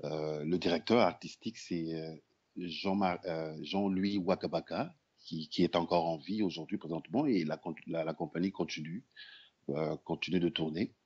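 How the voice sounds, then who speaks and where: A man's voice: low-pitched, steady tone, normal speed, darkish tone, slightly rough, lo-fi sound. A man from the Republic of the Congo, an actor, puppeteer and storyteller, answering interview questions hesitantly with many fillers and restarts.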